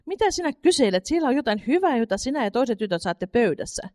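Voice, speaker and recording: Brief: a woman playing a stern storybook mother, raised and firm, lively pitch. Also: dry recording. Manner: firm and forbidding.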